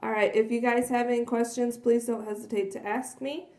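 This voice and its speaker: Slightly hoarse as her voice goes, a product demonstrator chats earnestly through a casual cleaning demo, using many fillers. Her fairly high voice is soft and mellow yet flat in delivery and a little fast, with frequent throat clearing and coughing, echoing around her home kitchen.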